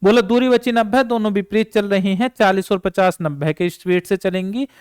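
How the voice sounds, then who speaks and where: A man's voice: high voice, fairly quick, darkish tone, smooth, no room sound, clean studio sound. A man teaching a train math problem for an exam course, asking questions and answering them himself while he repeats each step. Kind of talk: exam-prep math lesson.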